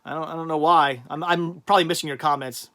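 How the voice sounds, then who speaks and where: A man's voice: fairly high pitch, steady tone, fast, a bit bright. Chatty man hosting a livestream. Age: adult with a child. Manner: rambling, many restarts and fillers. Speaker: livestream host reading chat. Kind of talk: casual livestream chat.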